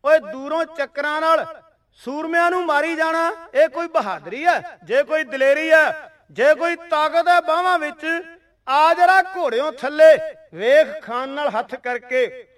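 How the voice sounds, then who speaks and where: A man's voice: very high-pitched, unhurried, a bit bright. A man voicing a bold, boastful young warrior who scornfully taunts his rival, in a recited storytelling manner. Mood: taunting. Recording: distant mic.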